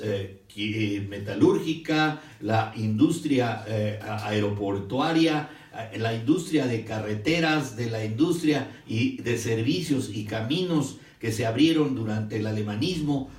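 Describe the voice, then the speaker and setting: Older man, Mexican Spanish accent, talkative host, echoey room, set back from the mic. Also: medium pitch. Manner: chatty, digressive, emphatic storyteller. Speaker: host of a history and commentary show. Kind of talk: live-stream talk with viewer shout-outs. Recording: roomy echo, distant from the mic.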